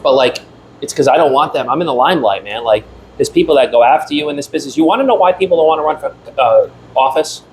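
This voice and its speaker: A man's voice: fairly high pitch, animated, quick pace, darkish tone, slight background noise, poor audio. A man, a city councilor, guesting on a podcast and speaking bluntly, repeating points for emphasis. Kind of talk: casual podcast conversation.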